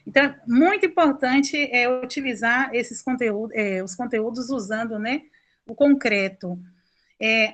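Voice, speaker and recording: A Brazilian woman with a high, bright voice teaches an online mini-course. She explains at length, often pausing on fillers and correcting herself mid-phrase. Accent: Brazilian Portuguese. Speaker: lecturer.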